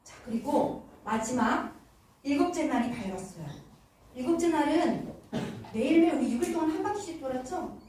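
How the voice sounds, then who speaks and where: High, mellow-voiced female children's teacher, storytelling, recorded from far off in an echoey hall. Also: moderate pace, a little hiss or hum. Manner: animated, asks the children questions. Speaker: children's Sunday school teacher. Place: church hall.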